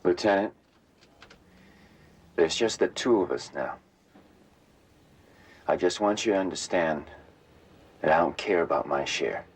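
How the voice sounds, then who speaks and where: An obsessive accomplice in a television crime drama. His voice is extremely deep and husky, with slow, menacing delivery. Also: heavily acted. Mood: menacing, intimate.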